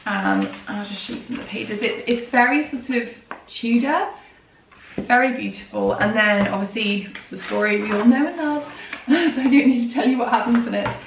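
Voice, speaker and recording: This is a casual book chat from a woman in her thirties who reviews books and vlogs, her slightly high voice roughened by a recent illness that left her without a voice. She speaks at a moderate pace, enthusing about children's books between ums and soft laughs. The recording is distant and roomy, carrying faint noise.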